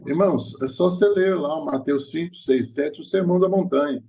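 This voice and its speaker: A man's voice: a little high, brisk, gravelly, warm tone. A middle-aged man preaching a sermon as a prophet, telling personal stories with frequent restarts. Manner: storytelling, hesitant restarts, laughing at own stories.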